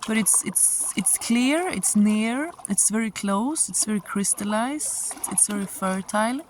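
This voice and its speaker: A woman giving a casual, musing tarot reading outdoors by the water, halting at times and drawing out some words. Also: medium pitch, expressive, poor audio. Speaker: tarot reader and host. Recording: outdoor recording with water noise. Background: sound of moving water.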